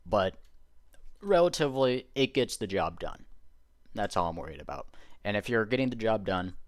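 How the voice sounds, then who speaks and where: A man's voice: on the low side, sing-song, normal speed, no echo, studio quality. A man giving a casual game tutorial, explaining step by step and correcting himself as he goes. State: hiccuping. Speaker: gaming YouTuber.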